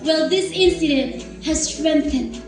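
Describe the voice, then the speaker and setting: A high-voiced young woman from Nagaland speaks slowly and earnestly, pausing for effect. She is heard from a distance across a booming, echoey hall, with music playing behind her. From Nagaland, India. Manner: earnest, measured, with dramatic pauses. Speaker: pageant contestant. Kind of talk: rehearsed stage speech. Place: large hall stage.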